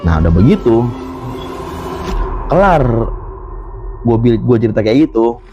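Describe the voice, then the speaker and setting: A man's voice: mid-range voice, a little slow, muffled recording, music in the background. A man, telling a true horror story in casual chat and acting out the quotes with laughter. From Jakarta. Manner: animated, acts out quotes, laughs often. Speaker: storyteller guest.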